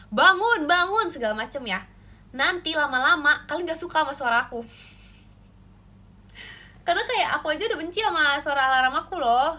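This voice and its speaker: A young woman hosting a casual livestream, playfully chatting with viewers and answering their comments. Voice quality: says her own voice gets shrill when loud. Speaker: idol livestream host. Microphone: phone livestream.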